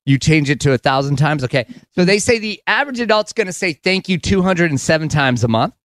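A man hosting a radio show, chatty and laughing often as he acts out quick mock voices. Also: on the high side, animated, a bit bright, no room sound. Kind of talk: casual radio chat.

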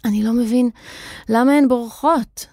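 A woman's voice: sits high, animated, no echo, studio quality, voice pushed up. A woman voicing an eager young boy, a sorceress's apprentice, who calls out a little breathlessly in a children's audio story.

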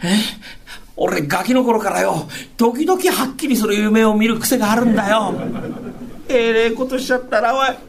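A male rakugo storyteller playing a gruff, hard-drinking Edo fishmonger husband, with old speech. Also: high-pitched, normal speed. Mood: bewildered. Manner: gruff, boisterous, blustering.

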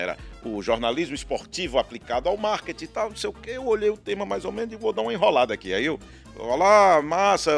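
Animated male sports commentator. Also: fairly high pitch, gravelly. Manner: animated storyteller, frequent restarts. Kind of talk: casual panel talk.

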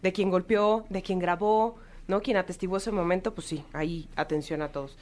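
A woman's voice: lowish voice, fairly even intonation, normal speed, a little mellow. A woman with a Mexican Spanish accent hosting a casual interview, asking questions in an encouraging way. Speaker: host.

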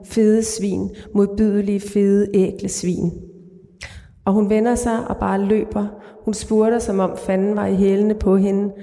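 Calm woman author reading in a church. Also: medium pitch. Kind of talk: literary reading and interview answers. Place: large church. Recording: reverberant church hall.

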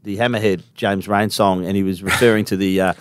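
A man with an Australian accent, co-hosting a casual radio chat in a relaxed, wry way. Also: low-pitched, brisk, clear, resonant tone, no room sound. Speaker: co-host, senior reporter.

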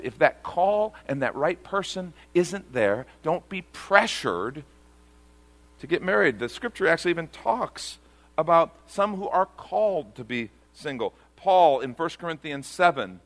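Middle-aged pastor guy preaching in a church, bright voice, gets loud then goes quiet. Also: on the high side. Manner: earnest preaching, reads scripture aloud, swings from emphatic to hushed. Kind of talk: sermon. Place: church sanctuary before a congregation.

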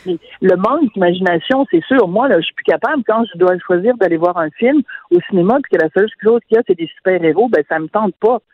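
A woman's voice: medium pitch, expressive, fast talker, hardly any pauses, dry recording. A woman calling in as a radio guest, giving blunt, emphatic opinions. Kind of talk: casual radio chat. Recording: dry tinny phone line.

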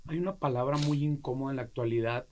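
A man hosting an interview, asking probing questions in a measured, conversational way. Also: medium pitch, a little mellow. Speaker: interview host.

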